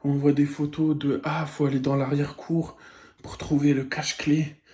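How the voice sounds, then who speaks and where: A man's voice: on the high side, little pitch movement, normal speed, warm tone, husky. A man in his twenties vlogging casually while driving and walking, exasperated and ranting, with crude swearing. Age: 20s. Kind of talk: casual vlog. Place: in a car on the road, then outdoors. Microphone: handheld phone camera.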